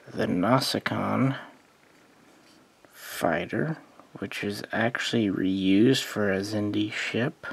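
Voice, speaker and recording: Gravelly low-voiced man reviewing models. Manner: relaxed, meandering, thinks aloud with fillers. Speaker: collector reviewing model starships. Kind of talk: casual hobby overview.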